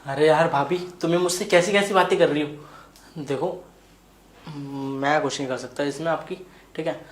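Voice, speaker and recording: A woman's voice: deep voice, steady tone, normal speed, lightly acted. A woman voicing a flustered young man, the brother-in-law, who protests and lectures in a web series scene. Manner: protesting, exclaiming, preachy. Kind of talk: Hindi web series dialogue. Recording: echoey room.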